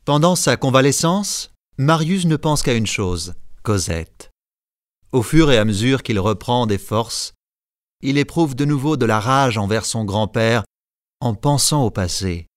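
A man narrating a classic story in a measured reading, giving short lines to the characters. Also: medium pitch, lively intonation, no echo, clean studio sound. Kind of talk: scripted narration.

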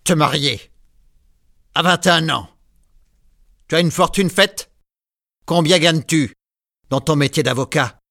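A man's voice: on the high side, unhurried, long pauses, bright, forceful tone, voice pushed up. A man reading a classic novel aloud and voicing a proud, stern old grandfather who speaks in curt, harsh questions.

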